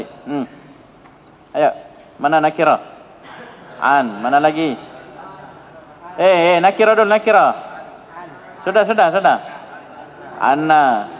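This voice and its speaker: A man from Indonesia teaching Arabic grammar to a class, prompting his pupils with the same quick questions again and again. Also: fairly high pitch, a little hiss or hum. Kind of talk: classroom grammar drill with students. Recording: dull, lo-fi sound with a long hall reverb.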